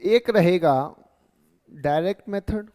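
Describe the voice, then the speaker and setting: A man's voice: high-pitched, takes it slowly, mellow. Man teaching in a reverberant classroom. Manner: explains step by step, checks in with "right" and "okay". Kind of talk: classroom lecture.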